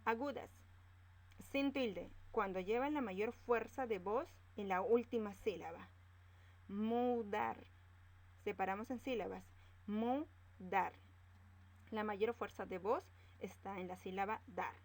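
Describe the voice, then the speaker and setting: A woman teaching a grammar lesson, slowly spelling out words and stressing each syllable. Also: medium pitch, rough recording.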